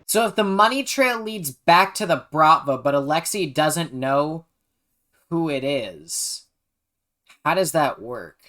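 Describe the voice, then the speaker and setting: Bright, slangy reaction host, unhurried pace. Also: mid-range voice. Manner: slangy, exclamatory, self-deprecating. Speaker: host of a TV episode reaction and commentary show. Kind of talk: casual reaction commentary.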